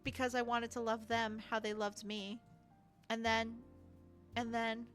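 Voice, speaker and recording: A woman voicing a heartbroken, self-aware robot villain who speaks in a halting, formal, mournful way. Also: fairly high pitch, little pitch movement, fairly bright tone, soft background music. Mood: faltering.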